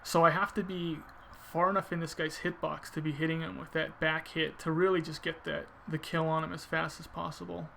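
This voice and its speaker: A man's voice: fairly high pitch, little pitch movement, a little fast, vocal fry, few pauses, pushed and bright, slight background noise. A man giving casual video game commentary, thinking aloud informally as he explains his technique.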